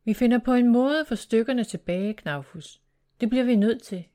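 A woman's voice: on the high side, dark tone, pitched above the performer's own voice, close to an everyday voice. A woman reading the part of an earnest young girl in a storybook tale, speaking urgently. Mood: insistent.

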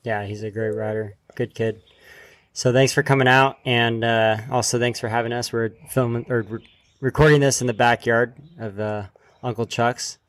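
A man's voice: medium pitch, fairly even intonation, normal speed, dry recording. A man hosting a podcast, chatting casually as he records outdoors in a backyard. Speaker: podcast host. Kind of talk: casual interview chat.

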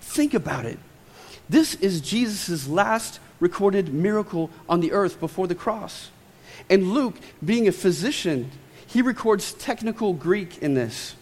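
Animated preacher in a reverberant hall. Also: male voice, high-pitched, measured pace. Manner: animated, acts out quoted voices, swings from loud to hushed. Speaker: pastor. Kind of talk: sermon.

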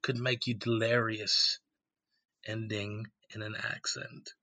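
Male co-host, playful fake English accent, unhurried bright delivery. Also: lowish voice, flat delivery. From Louisville, Kentucky, US. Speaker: podcast co-host. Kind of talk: casual chat.

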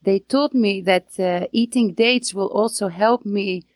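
A woman's voice: mid-range voice, unhurried, darkish tone, dry recording. A woman leads the interview and asks curious follow-up questions. Her voice is recorded dry and close, with no trace of room sound.

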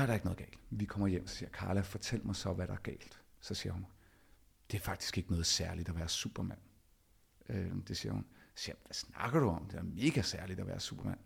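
Gravelly low-voiced man telling a story. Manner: animated, acts out quoted dialogue. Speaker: podcast host. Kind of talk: personal storytelling.

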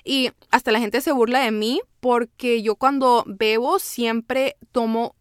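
A woman's voice: a little high, steady tone, slow, smooth, dry recording, clean studio sound. Chatty code-switching woman podcaster. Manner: chatty, switches between Spanish and English, many "¿verdad?" tags. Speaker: podcast host. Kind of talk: casual solo podcast monologue.

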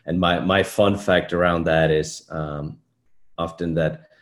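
A golf coach in his late thirties who grew up in Iceland speaks English as a second language in a casual interview. His voice sits low with fairly even intonation at a measured pace, and he uses many fillers and restarts.

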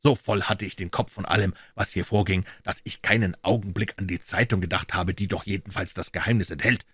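Brief: a man as a brisk, impatient detective explaining, very low and husky, dry close mic. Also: fairly even intonation, a bit bright, dry recording. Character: brilliant male detective, impatient and confident.

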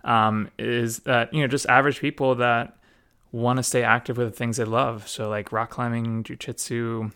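A young adult man talks casually as a mobility coach. His voice is gravelly yet smooth and resonant. He keeps a loose, conversational flow full of fillers and restarts. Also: medium pitch, flat delivery, normal speed, bright, forceful tone. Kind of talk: casual explanatory talk.

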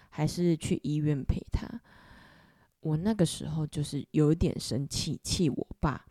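A young woman, hosting a podcast and telling a personal story in a soft, reflective, unhurried way. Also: low-pitched, no echo, studio quality. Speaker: podcast host.

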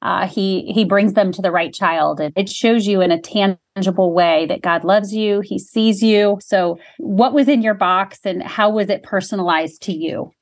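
A woman's voice: medium pitch, moderate pace, hardly any pauses. A woman hosting an interview show, encouraging her guest with frequent affirming murmurs. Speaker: podcast host.

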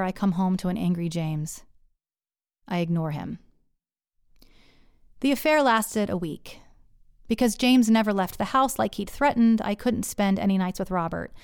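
A woman's voice: medium pitch, clean tone, dry recording, studio quality. A woman telling a first-person story in a candid, profane way, acting out the voices she quotes.

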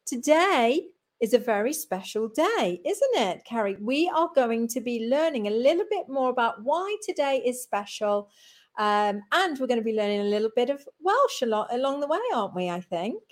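A woman's voice: fairly high pitch, very animated, normal speed. A woman hosting a live podcast stream, who introduces her guest in a chatty, friendly way. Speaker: podcast host.

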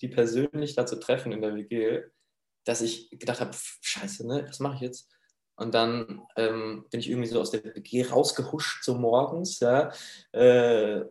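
A man telling a personal story in a casual, chatty way, laughing often and filling pauses with little filler sounds. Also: medium pitch, a little mellow. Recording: roomy echo.

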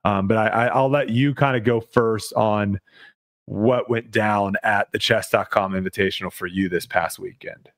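A man's voice: lowish voice, steady tone, normal speed, a bit bright. A man in his thirties co-hosting a podcast, talking in an easygoing, self-deprecating casual chat. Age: 30s. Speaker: podcast co-host.

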